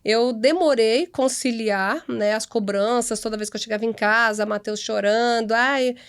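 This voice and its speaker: A woman speaking in a casual podcast chat, earnest and a little halting. Her voice sits on the high side, and she keeps checking that the listener follows her. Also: fairly even intonation, clear, resonant tone. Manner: earnest, repeats and restarts often, adds "né?" and "entendeu?". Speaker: company director, podcast guest.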